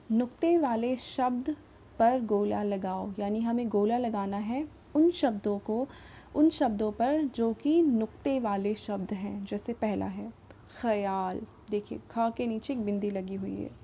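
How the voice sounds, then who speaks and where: Patiently rephrasing and repeating, a woman gives kids a grammar lesson and slows down to sound out sample words. Her voice is on the high side and dark in tone, with slight background noise.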